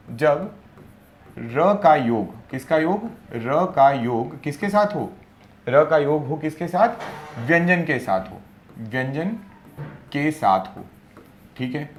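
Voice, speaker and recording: A young man with a slightly high voice teaches a Hindi grammar class for an exam. He keeps asking rhetorical questions and answering them himself, and he repeats key words slowly so they sink in.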